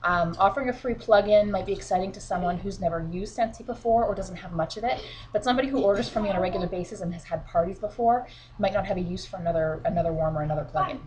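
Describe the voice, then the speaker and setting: A sales team leader with a sniffly cold chats encouragingly in a casual instructional vlog from home, her children beside her. Her mid-range voice is fast and a little mellow, with frequent fillers, and the audio quality is poor.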